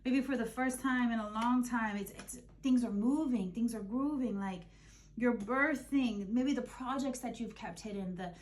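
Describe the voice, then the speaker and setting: A woman's voice: a little high, normal speed. A woman giving a casual spiritual tarot reading, emotional and openly swearing, calling her listeners babe and boo. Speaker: tarot reader.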